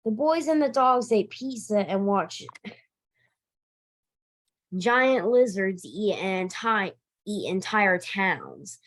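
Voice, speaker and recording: This is an animated children's storytime in which a female library director reads from a picture book. She goes slowly, with a freely rising and falling pitch and emphatic delivery, stumbling over a word here and there.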